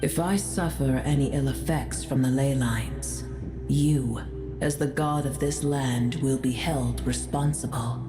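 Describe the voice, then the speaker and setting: An actress playing a proud, scornful ancient female dragon who speaks slowly and with contempt, in a game. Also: very deep voice, fairly even intonation. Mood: disdainful. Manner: haughty, contemptuous, slow and deliberate. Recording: roomy echo over game music.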